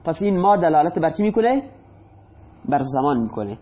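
A man's voice: on the high side, big pitch swings. A male teacher giving a grammar lesson, patiently repeating examples and asking questions that he then answers himself. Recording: dull lo-fi recording.

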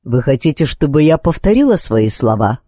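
A man reading an audiobook voices a calm, firm young nurse who speaks in a level, assured way. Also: on the high side, normal speed, dry recording, clean studio sound.

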